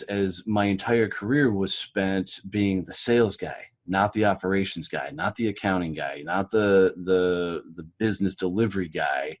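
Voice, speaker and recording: Deep-voiced blunt American man. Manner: blunt, swears freely, animated. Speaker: podcast guest. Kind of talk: candid interview storytelling.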